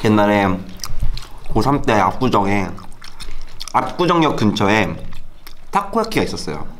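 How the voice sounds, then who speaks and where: 남자가 음식을 씹으며 말하는 목소리. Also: male voice, on the low side, sing-song, normal speed, a little hiss or hum. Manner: reminiscing, easygoing. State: talking while chewing. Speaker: vlog host. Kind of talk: casual mukbang chat.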